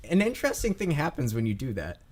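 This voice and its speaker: A man's voice: a little high, wildly swooping pitch, fast, crowd noise. A man running a tabletop game as game master, narrating the scene in a rambling way with many fillers.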